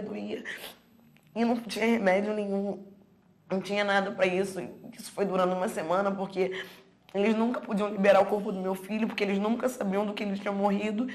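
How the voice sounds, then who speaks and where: A woman's voice: mid-range voice, darkish tone. A young woman giving a personal testimony in a documentary, retelling events with repeated words and acted-out quotes. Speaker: interviewee.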